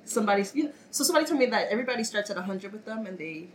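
A woman's voice: mid-range voice, lively intonation, rapid-fire, slight background noise, rough recording. A woman in casual podcast chat, slightly nasal from a cold, speaking candidly and thoughtfully. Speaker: podcast co-host.

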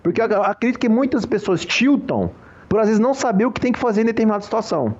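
A man, a professional poker player being interviewed, talking in a relaxed, slangy way and often checking that he is understood. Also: sits high, quick pace, highs cut off. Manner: relaxed, slangy, says "cara" and "entendeu" often. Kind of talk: casual interview talk.

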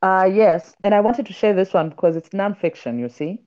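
A woman writer who is a podcast guest, chatting in a lively storytelling way and reading aloud from her book. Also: mid-range voice, fairly quick, muffled recording.

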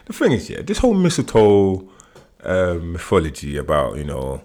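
A man's voice: low voice, huge pitch swings, normal speed, a little mellow. A young man with a London roadman accent co-hosting a podcast, bantering casually in emphatic street slang. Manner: slangy urban British street talk with emphatic repeats. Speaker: podcast co-host.

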